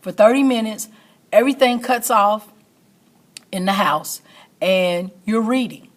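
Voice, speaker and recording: A mature woman speaks directly to an online audience in a mid-pitched voice. She talks like a teacher urging people on, with emphatic delivery. Important phrases come back a second time for stress. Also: unhurried. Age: middle-aged or older. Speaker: teacher and online show host. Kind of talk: motivational talk to a live online audience.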